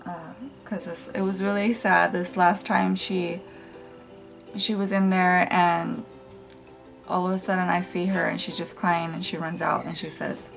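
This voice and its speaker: A young woman chatting casually while doing her makeup at home, her voice raspy from just waking up, rambling with fillers and small laughs. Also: on the low side, level tone, measured pace, faint music behind, rough recording. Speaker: beauty vlogger. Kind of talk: casual get-ready-with-me chat. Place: home room with family nearby.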